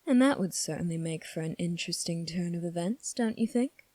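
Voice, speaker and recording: In this close, completely dry recording with no room sound, a soft, mellow female voice, low for a woman and close to an everyday voice, portrays a cunning young prince. He probes and teases in a measured, formal, calm way with a hint of sadism, in the style of an ASMR audio drama, and the mood stays coolly probing.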